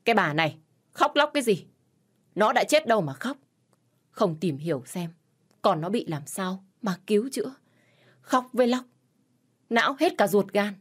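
A woman voicing a gruff, short-tempered older father who snaps at his wife in an audio story. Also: medium pitch, expressive, normal speed, pauses often, voice pushed up. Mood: irritated. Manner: snapping, scolding.

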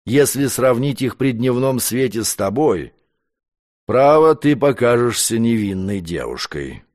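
A man reading an audiobook, voicing an arrogant male magician count who speaks calmly and curtly. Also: medium pitch, a little slow, lightly acted. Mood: cool scornful. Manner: calm, curt, condescending. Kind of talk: audiobook character voice.

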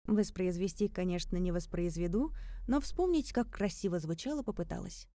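A woman narrates a first-person story with a wry edge. Her voice is warm and mellow. The recording is dry and close to the mic. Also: fairly low pitch, normal speed, no room sound. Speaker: audiobook narrator. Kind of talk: scripted narration.

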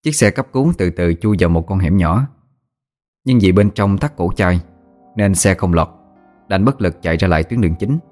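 A male storyteller narrates a story in a steady, dramatic tone. His voice is very deep and low. Soft background music plays underneath. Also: normal speed.

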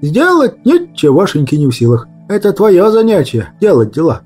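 A man's voice: sits high, huge pitch swings, moderate pace, darkish tone, breathy edge, soft background music, full character voice. Man doing a sly riddling old man. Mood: knowing. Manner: drawling riddling talk. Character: sly cryptic old man, calm and knowing.

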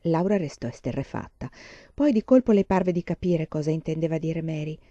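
Brief: steady female audiobook reader, dull lo-fi sound, dry room. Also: deep voice, brisk, no echo. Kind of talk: scripted narration.

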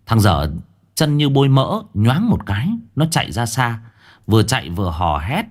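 A man narrating a ghost story in an animated, vivid way. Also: medium pitch, moderate pace.

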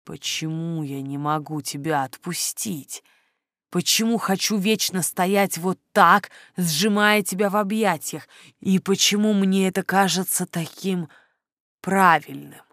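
A woman reading an audiobook voices a possessive, hot-tempered male dragon lord in a low, hushed, intense voice. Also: measured pace, no room sound, studio quality. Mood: tender, hushed.

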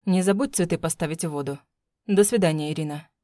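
A woman doing a controlling husband in a storybook reading, his voice pushed low and mellow. He coaxes smoothly, then turns cold and menacing, with a dry close sound. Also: fast, no room sound, natural voice. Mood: coaxing, menacing. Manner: smooth, coaxing, then threatening through teeth. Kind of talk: audiobook narration.

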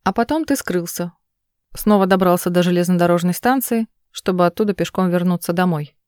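A woman reading the lines of a desperate mother who pleads through tears, in a low, dry voice. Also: fairly quick, darkish tone, smooth, dry recording, natural voice. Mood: tearful pleading. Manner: pleading, urgent. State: crying.

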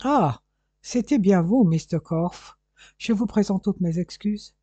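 A man's voice: sits high, slow pace, warm tone, husky, dry recording, lo-fi sound, voice pushed up, full character voice. A man voicing a cool, commanding English detective who speaks French with a light British accent and gives curt, clipped orders. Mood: apologetic.

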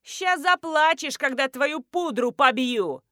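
A woman reading an audiobook voices a rude, loud middle-aged village mother-in-law who scolds and shouts. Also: mid-range voice, normal speed, dry recording, studio quality, natural voice. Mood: yelling.

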